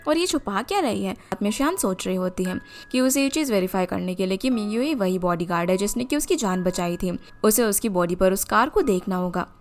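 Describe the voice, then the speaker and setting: A woman retelling the plot of a drama series as a scripted narration, in an even storytelling manner. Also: mid-range voice. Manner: steady retelling of plot in the third person.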